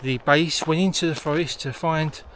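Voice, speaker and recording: A man's voice: on the high side, steady tone, moderate pace, fairly bright tone. A man hosting a vlog and explaining things as he goes, recorded outdoors in a forest. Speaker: host. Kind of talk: explanatory vlog narration on location. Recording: noisy outdoor location sound.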